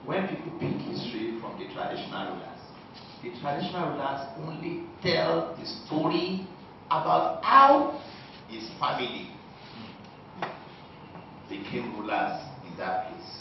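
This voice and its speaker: A man's voice: a little high, sing-song, measured pace. A man giving a lecture, answering audience questions and stressing his points one after another. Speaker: guest lecturer. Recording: echoey hall, distant lo-fi mic with noise.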